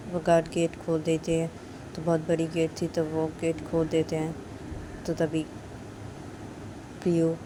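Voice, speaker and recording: A woman's voice: low-pitched, background noise. Casual woman retelling a story. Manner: loose retelling with repeated fillers.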